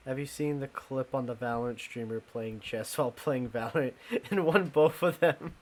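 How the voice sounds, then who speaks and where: A young man streaming a ghost-hunting game live, chatting casually with his viewers. His voice sits at a middle pitch, and he laughs easily between remarks. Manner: chatty, talks to chat, quick laughs.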